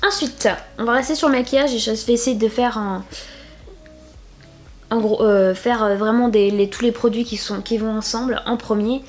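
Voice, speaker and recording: A woman's voice: a little high, steady tone, moderate pace, darkish tone, faint music behind. Young woman, beauty vlogger, casual haul chat, filler-heavy, playful. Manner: chatty, many fillers and restarts, playful "tada" reveals.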